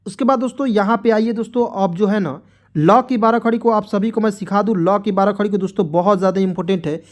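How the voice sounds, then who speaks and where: A man teaching the Hindi alphabet syllable by syllable, drawing each sound out and asking and answering his own questions. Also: sits high. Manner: drawn-out recitation, often asks and answers his own questions; keeps checking in with the listener as he teaches. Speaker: Hindi teacher and channel host.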